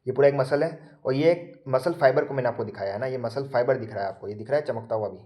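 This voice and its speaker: A man's voice: mid-range voice, fast talker, dark tone. A man teaching a nursing class, casually asking and answering his own questions while walking through diagrams. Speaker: nursing tutor. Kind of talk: casual lecture explaining diagrams. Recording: echoey room.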